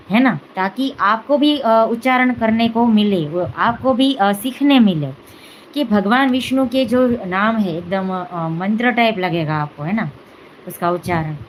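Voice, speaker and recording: A woman hosts a devotional live stream from home, chatting casually and leaning on fillers and little "है ना" asides. Her voice sits at an ordinary middle pitch for a woman, and a faint ambient hum runs behind her. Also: unhurried, low-quality recording. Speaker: devotional channel host.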